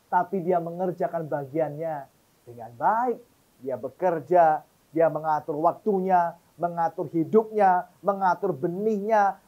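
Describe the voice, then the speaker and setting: A man from Surabaya preaching a sermon, animated and emphatic, often turning to address the congregation. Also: sits high, lo-fi sound. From Surabaya, East Java.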